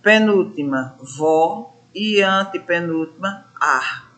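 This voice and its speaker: A woman teaching a grammar lesson, drawing out syllables slowly to show stress and asking her pupils questions. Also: fairly low pitch, lively intonation, fairly bright tone. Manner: addresses pupils as gente, asks questions. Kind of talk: classroom lesson explanation.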